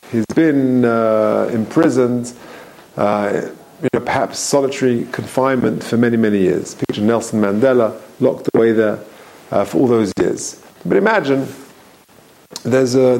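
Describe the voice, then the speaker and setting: A man teaching a Torah class, reading Hebrew phrases slowly and explaining them with emphatic questions and a long story. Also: mid-range voice, creaky, mellow, poor audio.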